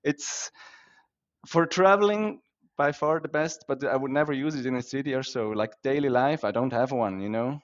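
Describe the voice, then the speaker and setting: A company founder from Switzerland, whose first language is Swiss German, appears as a guest in a casual podcast interview, speaking enthusiastically, laughing often, and restarting his words. His voice is medium-pitched at a moderate pace, and the recording is muffled.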